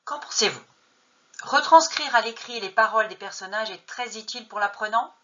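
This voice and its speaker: A woman's voice: fairly high pitch, normal speed, pushed and bright, highs cut off. A woman teacher trainer narrating a lesson, posing true-or-false questions and then answering them. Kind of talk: narrated lesson on an English textbook.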